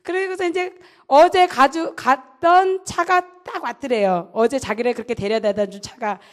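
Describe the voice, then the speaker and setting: A middle-aged pastor's wife preaching in a church sanctuary, telling a story with animated energy and often dropping into intense whispers. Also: female voice, sits high, moderate pace. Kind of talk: sermon with dramatic storytelling.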